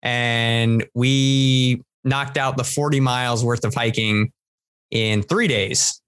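A man's voice: mid-range voice, steady tone, takes it slowly, fairly bright tone, clear, resonant tone, no echo. A man from San Diego, a podcast co-host, telling a long story in casual chat with lots of restarts. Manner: rambling storyteller, many restarts.

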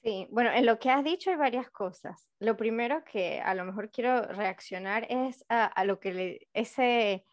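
A woman's voice: on the high side, unhurried, hardly any pauses, no echo, lo-fi sound. Reflective woman host, dry sound. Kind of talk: casual chat.

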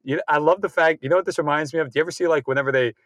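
A man's voice: fairly high pitch, very fast, fairly bright tone, no echo, clean studio sound. A man hosting an interview show, enthusiastic and full of fillers like "like" and "uh". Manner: enthusiastic, filler-heavy rambling. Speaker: podcast host. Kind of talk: casual chat.

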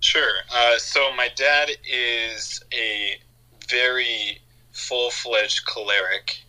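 A man who is a podcast guest, speaking in a relaxed, outgoing way with some hesitant fillers. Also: medium pitch, extremely slow, poor audio. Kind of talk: conversational interview.

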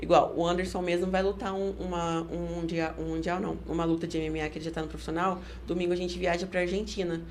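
Animated Brazilian woman telling a story. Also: fairly low pitch, fast, few pauses, slight background noise. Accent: Brazilian Portuguese. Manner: animated storytelling, acting out shouted quotes. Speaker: guest fighter. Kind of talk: casual podcast interview. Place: podcast studio.

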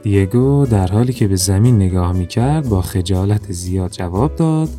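Mellow low-voiced male storyteller. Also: lively intonation, faint music behind. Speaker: narrator. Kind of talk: storybook narration.

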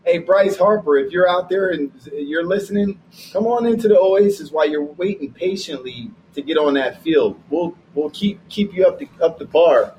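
High-voiced man giving a fired-up pep talk. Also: normal speed, slight background noise, rough recording. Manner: energetic, preachy, repeats catchphrases, laughs often. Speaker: podcast co-host. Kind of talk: hyped promotional pep talk.

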